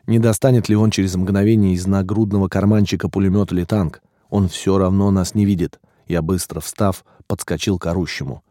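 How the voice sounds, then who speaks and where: A man reading a first-person audiobook narration in a steady, even way. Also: low voice, brisk, few pauses, no echo, studio quality.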